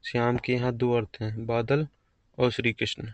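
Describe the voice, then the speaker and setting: A man's voice: medium pitch, flat delivery, normal speed, no room sound. A man teaching an exam-prep grammar lesson, explaining patiently and repeating key phrases.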